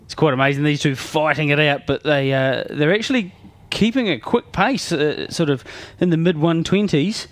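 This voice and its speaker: A man's voice: on the high side, normal speed, no echo. A man giving conversational motorsport analysis as co-commentator, hesitantly rephrasing as he goes.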